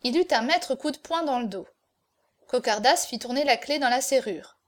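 High-voiced woman reading a novel. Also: expressive, moderate pace. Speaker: narrator.

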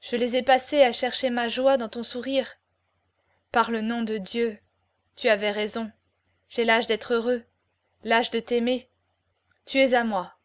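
Give me a woman reading an ardent young male lover, declaiming with passion, fairly high voice. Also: level tone, measured pace, long pauses, lightly acted. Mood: passionate. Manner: impassioned declamation. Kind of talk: audiobook character reading.

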